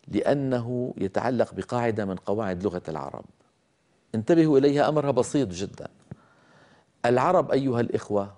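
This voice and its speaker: A man teaches Quran recitation in an earnest lecture, and his voice is warm and mellow. He repeats each rule and sounds the examples out slowly and carefully. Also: medium pitch. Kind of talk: religious lecture on recitation rules.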